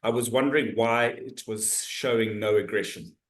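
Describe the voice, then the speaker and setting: The host of an online talk series, a middle-aged South African man, reads audience questions aloud in a friendly, loose manner and keeps restarting. His voice is fairly low, at normal speed, and the video call sounds roomy and echoey.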